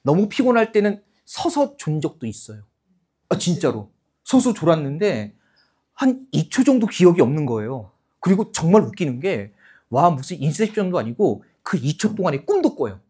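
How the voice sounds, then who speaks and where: A man in his fifties lectures a class of exam-takers at a moderate pace, with a voice on the high side and a breathy edge. He is chatty and animated, checks in with the room, and acts out students' lines in put-on voices.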